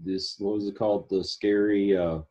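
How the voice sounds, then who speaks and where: A man chatting casually as an interviewer, informal and animated, acting out his reactions. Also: fairly low pitch, moderate pace, lo-fi sound. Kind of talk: casual chat.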